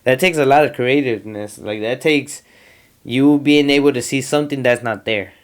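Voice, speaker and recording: A man's voice: mid-range voice, normal speed. A man hosting a casual chat about music, laid-back and full of slang, often slipping into Spanish.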